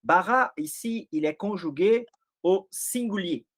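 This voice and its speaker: A man's voice: high-pitched, lively intonation, unhurried. A man with a non-native accent leading an informal Bible study, explaining step by step and often checking that his listeners follow.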